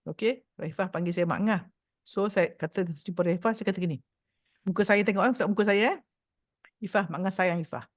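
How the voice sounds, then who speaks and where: A woman's voice: mid-range voice, brisk, dry recording, clean studio sound. A woman with a Malaysian accent giving a playful motivational talk to an audience and teasing the crowd. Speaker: motivational speaker.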